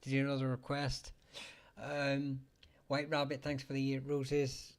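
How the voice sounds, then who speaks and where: This livestream host answers viewers' surname questions in casual chat, his medium-pitched voice smooth but monotone. Hesitant and halting, he stumbles through fillers and restarts while thanking people for gifts. Hoarseness is creeping in, and he clears his throat often.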